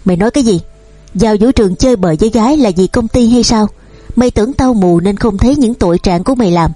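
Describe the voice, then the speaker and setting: A harsh old father who scolds his sons, read by a woman. The voice is mellow and a little husky, and the recording is dry. Faint music plays underneath. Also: fairly high pitch, fast, dry recording, natural voice. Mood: furious. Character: stern angry old father, a company owner.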